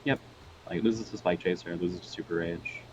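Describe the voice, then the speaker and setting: Fast-talking man on a dull lo-fi line. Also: deep voice, steady tone, darkish tone, a little hiss or hum. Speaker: co-caster. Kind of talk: casual game commentary. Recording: dull lo-fi sound from a weak connection.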